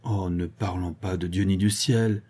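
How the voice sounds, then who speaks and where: A brisk, firm young woman reasons with her father, as a man reads her in an audiobook. The voice stays low and dark, with a husky edge to it. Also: fairly even intonation. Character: young woman, sharp-tongued, protective of her brother.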